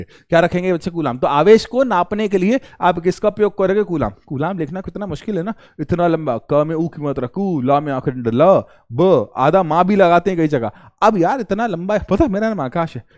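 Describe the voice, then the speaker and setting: A young man teaching a physics lesson in a lively, playful way, joking and repeating questions for his students, recorded in a studio. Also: sits high. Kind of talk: energetic classroom lecture.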